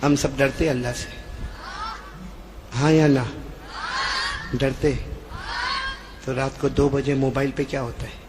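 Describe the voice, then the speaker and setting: A man preaching to a live gathering. He jokes, quizzes the crowd, and swings between soft asides and shouts. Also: mid-range voice, little pitch movement, pauses often, big-room sound, background noise. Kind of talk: lively storytelling sermon. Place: live religious gathering with a stage.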